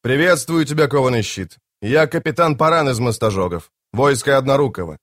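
A man's voice: medium pitch, animated, a little fast, fairly bright tone, no room sound, studio quality. A male audiobook reader voicing an earnest soldier captain who makes formal declarations. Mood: declaring. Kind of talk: audiobook character voice.

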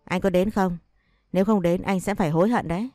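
A woman's voice: on the low side, steady tone, quick pace, mellow, no echo, clean studio sound, natural voice. A woman voicing a furious, vengeful wife who scolds and threatens, as part of a read-aloud story. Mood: coldly insistent. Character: furious betrayed wife, sharp-tongued and vengeful.

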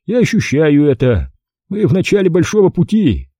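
A hopeful, reassuring father with an easy, upbeat lift, put on by a man reading an audiobook. The tone is dark and mellow with a husky edge. The sound is dry and close. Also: fairly high pitch, big pitch swings, normal speed, no echo, pitched above the performer's own voice, full character voice. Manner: cheerful and reassuring.

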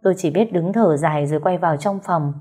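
Woman, story narration, low voice, calm, measured, sorrowful, faint background music. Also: breathy edge.

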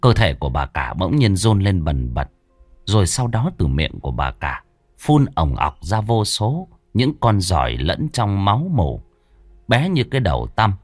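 Lively low-voiced male storyteller. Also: a little slow, dry recording, faint music behind. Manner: dramatic, lively intonation. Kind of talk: scripted horror narration.

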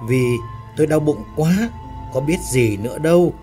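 A man's voice: fairly high pitch, expressive, moderate pace, music in the background, close to an everyday voice. A man voicing a frightened, confused young male worker who stammers and cries out in panic.

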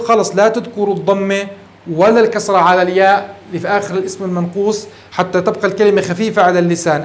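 Male grammar teacher, Levantine accent, high voice, patient classroom explainer. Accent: Levantine Arabic. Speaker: sheikh teaching Arabic grammar.

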